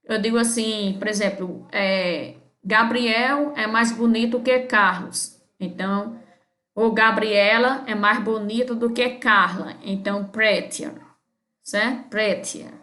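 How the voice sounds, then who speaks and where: A woman teacher from Brazil, her voice medium-pitched and sharp with fairly even intonation, goes slowly through a recorded English grammar lesson in an echoey room. Explaining step by step, she patiently checks on her students, saying "certo?" after each one.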